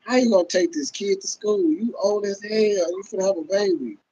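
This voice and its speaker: A man, hosting a casual livestream rant. He talks loudly and profanely to his viewers, laughing often. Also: high-pitched, fairly quick, highs cut off. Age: 30s. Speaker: livestream host.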